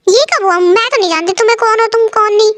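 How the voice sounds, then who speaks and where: A woman's voice: very high voice, fast talker, a bit bright. A woman voicing a feisty young female waiter who talks back sharply and defiantly.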